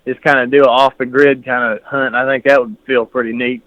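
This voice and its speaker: A man comes through a clipped, narrow phone line. He tells stories in a rambling, easygoing way at an ordinary pitch. The sound is dry, with no room around it. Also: little pitch movement, brisk, a bit bright, no echo. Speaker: guest hunter. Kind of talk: casual chat.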